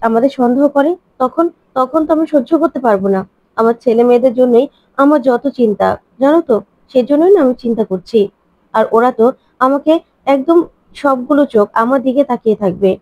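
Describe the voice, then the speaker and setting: A woman's voice: a little high, no room sound, lightly acted. A woman voicing an anxious middle-aged mother who fears gossip, talking in worried, faltering repeats in a dry, dull recording.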